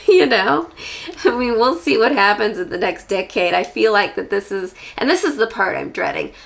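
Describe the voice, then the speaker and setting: A woman's voice: mid-range voice, creaky. A woman in her forties chatting to camera in a casual, reflective vlog, candid and musing, with frequent small restarts. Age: 40s. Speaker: vlogger.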